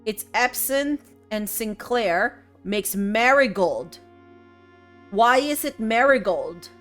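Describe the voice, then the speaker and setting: A woman's voice: a little high, animated, slow, fairly bright tone, faint music behind. Sleepy woman musing over a puzzle game. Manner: musing, chatty, addresses viewers as friends. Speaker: streamer. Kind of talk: casual gameplay commentary.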